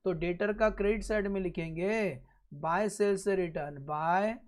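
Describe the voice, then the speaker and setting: A man teaching an accounting class, repeating each point slowly and often checking that students follow, with blunt joking asides. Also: high-pitched. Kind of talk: classroom lecture.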